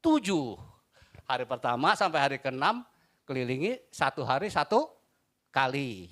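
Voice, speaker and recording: A male pastor preaching a sermon in a church, shifting between loud exclamations and quiet asides and joking with the congregation. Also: medium pitch, very animated, moderate pace.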